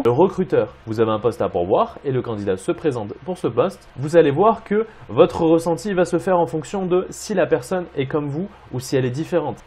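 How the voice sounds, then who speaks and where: A man's voice: a little high, darkish tone, breathy edge. A man coaching job seekers, explaining tips with frequent fillers. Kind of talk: instructional video talk.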